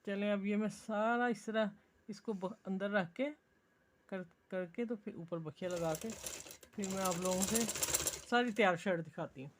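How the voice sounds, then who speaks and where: A woman's voice: medium pitch, unhurried, slight background noise. A woman with a Pakistani Urdu accent, teaching a stitching tutorial in a homely, chatty, encouraging way. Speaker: sewing teacher.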